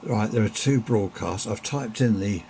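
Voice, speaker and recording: Lowish, creaky and mellow, a British man's voice moves at a moderate pace as he rambles through an impromptu amateur radio demonstration at home. His tone stays casual and conversational throughout. Radio static and room noise are audible behind him.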